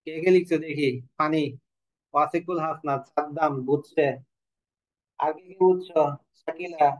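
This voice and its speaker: In a low-quality recording, a man with a voice on the high side teaches an online language class from home or a studio at a moderate pace and with fairly even intonation. He goes over rules, asks students questions and occasionally tells a joke.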